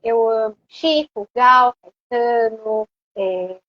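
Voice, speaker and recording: A Brazilian woman with a Brazilian Portuguese accent, chatting as an interview guest, animated and rambling with many hesitant fillers. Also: a little high, slow pace, dry recording, dull audio. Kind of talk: casual conversation.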